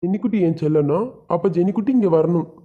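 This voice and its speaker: A man's voice: high-pitched, fast. A man voicing a stern but loving young husband in a cartoon, firm and lecturing. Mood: soothing. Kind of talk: cartoon web series voice acting. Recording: dull lo-fi sound.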